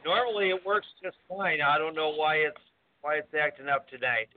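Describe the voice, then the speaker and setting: A man's voice: on the high side, moderate pace, slight background noise. A man hosting a casual live radio show, meandering and repeating himself as he talks. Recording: tinny phone-like narrowband audio.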